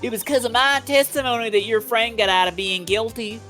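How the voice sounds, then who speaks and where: A woman's voice: a little high, fairly even intonation, fairly quick, fairly bright tone, soft background music, natural voice. A woman voicing a brash, cocky female cowgirl photographer with a put-on Southern accent and a folksy drawl, reading game dialogue aloud. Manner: folksy drawl with country phrases.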